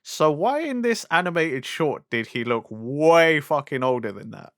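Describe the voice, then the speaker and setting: A man's voice: a little high, big pitch swings, unhurried, a bit bright, no room sound, clean studio sound. A young man co-hosting a casual, sweary chat, griping and asking rhetorical questions. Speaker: podcast co-host. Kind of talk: casual chat about animation and games.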